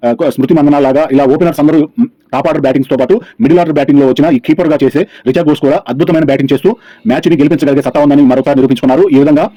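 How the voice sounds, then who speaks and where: A Telugu Indian man narrates a sports recap at a very rapid clip. His voice sits slightly high for a man. The audio is somewhat dull and lo-fi. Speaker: YouTube channel host.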